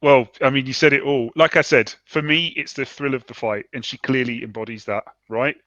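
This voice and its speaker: A man co-hosting a casual sports podcast, telling his reactions in an animated, earnest way. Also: mid-range voice, fairly quick, dry recording, dull audio. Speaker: podcast co-host. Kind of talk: casual chat.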